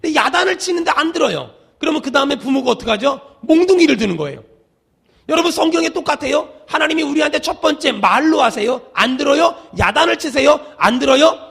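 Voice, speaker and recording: Male pastor, middle-aged, bright and lively delivery, shouted refrains and hushed asides. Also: very high-pitched, quick pace, creaky. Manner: preaching with call-and-response, swinging from loud shouts to hushed asides. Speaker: senior pastor. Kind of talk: sermon.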